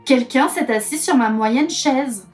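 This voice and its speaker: A woman's voice: high voice, measured pace, a little mellow, recorded from a distance, faint music behind. A woman voicing a middle-sized mother bear who exclaims indignantly in a storybook reading.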